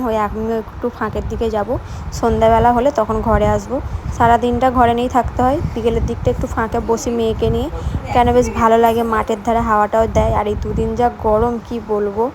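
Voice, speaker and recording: A young woman with a West Bengal Bengali accent talks quickly and directly to her vlog audience in a casual, homely way. Her voice sits a little high, and the recording is noisy, with clear sounds from the street around her. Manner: chatty, addresses viewers directly. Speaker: vlogger. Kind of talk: casual vlog narration to viewers.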